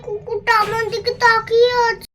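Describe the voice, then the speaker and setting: A woman voicing a timid, shrill little sister doll. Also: level tone, moderate pace, bright, forceful tone. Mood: scared. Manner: whiny, frightened.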